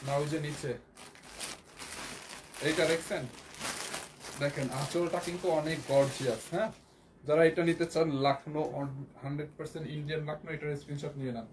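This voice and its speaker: A hoarse man with a Bangladeshi Bengali accent, selling clothes on a live stream and repeating prices again and again. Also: a little high, fairly even intonation, fairly quick, long pauses, slight background noise. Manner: repetitive, keeps repeating prices and urging viewers to buy. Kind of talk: live shopping sales pitch.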